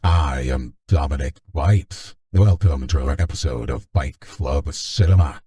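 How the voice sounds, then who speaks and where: A man hosting a casual stream through a voice changer that makes his voice deep, rambling and joking with many restarts. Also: a little slow, warm tone. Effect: deepened voice changer. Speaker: stream host.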